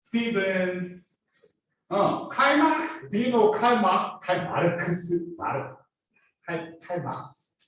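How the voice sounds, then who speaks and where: His voice is high, sing-song and a bit bright, and he speaks slowly. He's a business professor from South Korea with a Korean accent, lecturing and pressing students with rhetorical questions, heard from far off in an echoey classroom.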